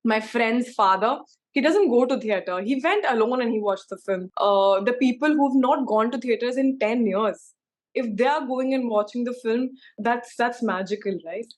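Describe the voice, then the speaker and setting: A young actress with an Indian accent talks casually and emphatically in an interview, her fairly high voice moving at normal speed. She keeps saying "like" and "you know."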